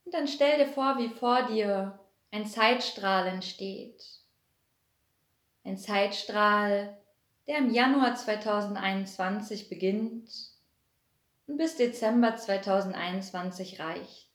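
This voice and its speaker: A woman leads a guided meditation in a slow, unhurried voice, her pitch sitting in a middle range. Her delivery is soothing and repetitive, drawing each phrase out gently. The recording has a noticeably echoey, roomy sound.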